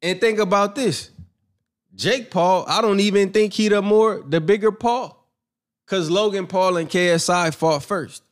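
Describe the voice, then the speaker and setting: Here a high-voiced man talks in an unhurried way. He's the cocky young host of a boxing commentary channel, rambling through his opinions with plenty of swearing and total confidence in a casual monologue.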